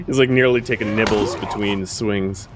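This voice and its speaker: Wry low-voiced man narrating gameplay. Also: steady tone, normal speed, background noise. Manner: chatty, wry, thinks aloud with fillers. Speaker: gaming streamer. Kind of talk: casual gameplay commentary.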